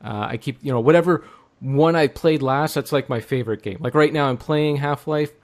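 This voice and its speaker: A man hosting a gaming podcast, chatting in a relaxed, enthusiastic way with halting restarts. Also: a little high. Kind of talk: casual chat.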